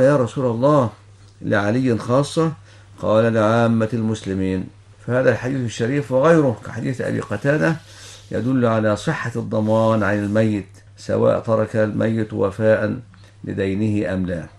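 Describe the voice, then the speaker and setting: A man's voice: medium pitch, vocal fry. An older Egyptian man speaking as a religious scholar, giving a ruling in formal Standard Arabic with quoted citations. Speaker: Islamic law scholar answering questions.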